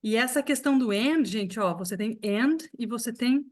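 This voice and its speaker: A woman teaching a live online pronunciation lesson, explaining patiently and repeating sounds slowly for her students. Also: a little high. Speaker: English teacher.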